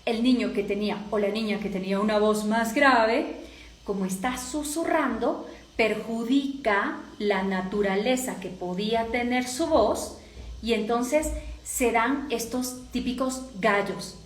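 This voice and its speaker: On the high side and a little slow, a woman coaching voice and speaking lectures in an echoey room. Her Latin American Spanish accent accompanies step-by-step explanations, and she often checks that her listeners are following.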